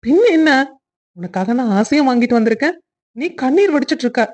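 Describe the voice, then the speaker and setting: A woman's voice: on the high side, lively intonation, fast, mellow. A woman voicing a young cartoon husband who teases and bosses his wife with affection. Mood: scolding. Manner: teasing, bossy. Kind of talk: cartoon family drama voice acting.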